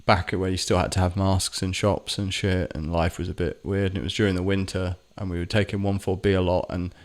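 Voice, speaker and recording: A man's voice: deep voice, little pitch movement, brisk. A man telling a rambling, sweary personal story to camera, often stopping to correct himself. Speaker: vlogger. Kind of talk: casual storytelling monologue.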